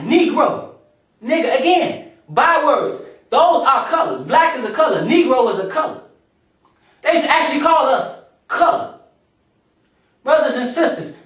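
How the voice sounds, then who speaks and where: A man's voice: extremely high pitch, a bit bright. A man preaching a sermon, reading scripture aloud and explaining it, repeating phrases for emphasis. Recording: echoey room from far off.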